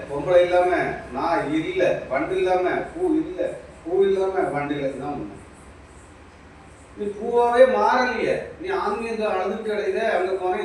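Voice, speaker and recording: A man's voice: on the high side, darkish tone. Preachy man, echoey distant recording. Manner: preachy, repetitive, addresses listener directly. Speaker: spiritual teacher. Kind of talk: impromptu spiritual talk. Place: small shop. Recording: very echoey, distant mic, faint noise.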